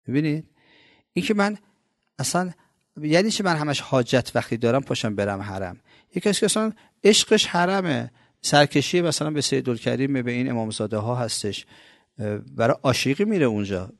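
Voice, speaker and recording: A man preaching a colloquial religious sermon, asking his listeners rhetorical questions and swinging between loud, pressing emphasis and soft asides. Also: mid-range voice, gravelly, no echo, studio quality.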